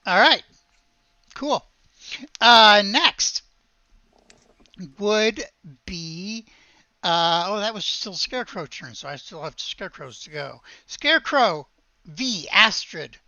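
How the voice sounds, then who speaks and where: A woman's voice: medium pitch, animated, slow pace, long pauses, bright, forceful tone, no room sound, muffled recording. A woman running a tabletop game as game master, explaining rules in an easygoing, patient way.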